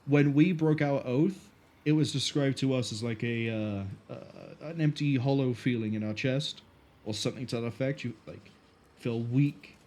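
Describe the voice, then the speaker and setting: A man's voice: mid-range voice, normal speed, darkish tone. A man streaming a video game, casually thinking aloud with fillers. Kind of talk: live game commentary.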